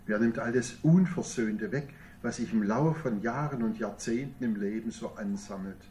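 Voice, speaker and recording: A man's voice: on the low side, dark tone, a little hiss or hum. Man preaching from a distance. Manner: measured preaching with rising emphatic peaks. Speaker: pastor. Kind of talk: sermon.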